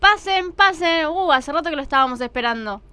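A woman plays a cheeky young Argentine niece stuck waiting tables for her aunt. She grumbles with a high, bright voice. It is a radio comedy sketch. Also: lively intonation, brisk. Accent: Rioplatense Argentine.

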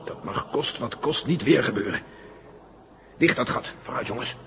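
A man's voice: medium pitch, lively intonation, moderate pace, vocal fry. A man acting a grave, cautious general with an authoritative manner in a 1970 Dutch radio drama. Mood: commanding. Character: grave, dutiful male general, cautious and reluctant. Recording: faintly noisy 1970 radio tape.

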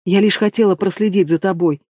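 A man's voice: sits high, fairly even intonation, brisk, darkish tone, no echo. A man reading an audiobook, voicing a frightened young princess who talks in a trembling, pleading way. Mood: tearful.

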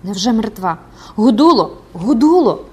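A compassionate townswoman, anxious and pleading, her calls urgent and raised, as a female audiobook narrator plays her. Her pitch sits in the middle. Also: fairly even intonation, brisk, darkish tone, husky, natural voice. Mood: anxious calling.

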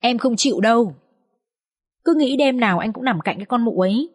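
High whiny jealous village mistress, woman doing her, breathy. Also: expressive, fairly quick. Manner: pleading and whining, pitched up.

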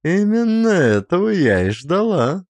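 A man voicing a calm, mocking woman mentor who speaks slowly and with a superior air, in an audiobook. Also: high voice, no echo, pitched above the performer's own voice, exaggerated voice. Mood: satisfied.

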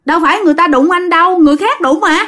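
A woman's voice: very high voice, very fast, fairly bright tone, voice pushed up. A woman voicing a middle-aged male exorcist who sternly questions and scolds a spirit. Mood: scolding. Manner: reproachful, questioning.

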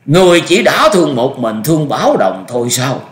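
A man voicing a bitter old male martial master who rages and gloats in a shrill, cackling voice. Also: huge pitch swings, slow pace. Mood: gloating. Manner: raging, gloating laughter. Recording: echoey room.

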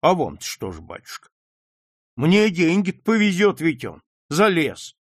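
A man's voice: on the high side, wildly swooping pitch, unhurried, no room sound, heavily acted. A man doing a sardonic young son. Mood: dry. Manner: dry, mocking, serious-faced. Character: sardonic young nobleman son, grim and sharp-tongued.

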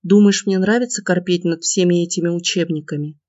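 A man's voice: sits high, steady tone, fairly quick, a little mellow, no echo, natural voice. Man voicing tearful young woman student. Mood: upset. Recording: dull lo-fi dry recording.

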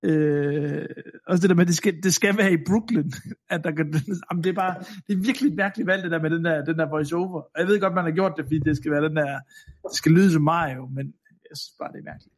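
Casting: male podcast co-host from Denmark, higher voice, loose film banter. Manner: laughing, mimics accents. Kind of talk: casual film chat.

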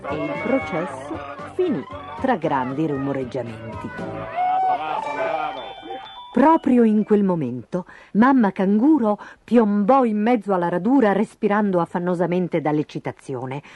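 A woman reading a fairy tale aloud in a lively, expressive storytelling manner. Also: lowish voice, a little slow. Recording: dull lo-fi with faint music.

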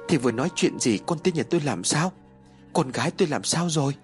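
Brief: desperate middle-aged mother, man voicing, rushed high pleading. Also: expressive, soft background music, natural voice. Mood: frantic. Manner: pleading, frantic questions.

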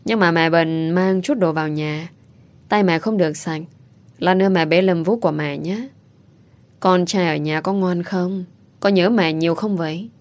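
A woman voicing a warm, affectionate young mother who speaks gently. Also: fairly low pitch, moderate pace, natural voice. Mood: loving. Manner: gentle and loving.

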